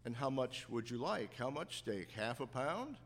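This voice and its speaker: A curious, wheedling butcher, done by a man telling a joke from the pulpit, talking to a customer he cannot believe. The voice sits at an ordinary pitch for a man. A long reverb trails each phrase. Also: big pitch swings, unhurried, fairly bright tone, full character voice. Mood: coaxing. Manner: inquiring, coaxing a dog. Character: puzzled middle-aged male butcher. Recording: reverberant hall.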